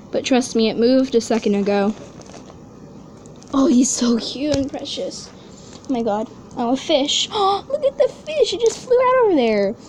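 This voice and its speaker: A woman in a casual unboxing vlog at home, excitable and gushing, gasping often over what she finds. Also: fairly high pitch, a little hiss or hum. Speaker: toy unboxing vlogger. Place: at home indoors.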